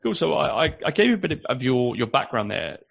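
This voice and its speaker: A man's voice: mid-range voice, big pitch swings, fast, gravelly, slightly rough, highs cut off. A man hosting an interview, friendly and casual, often restarting his sentences. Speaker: host.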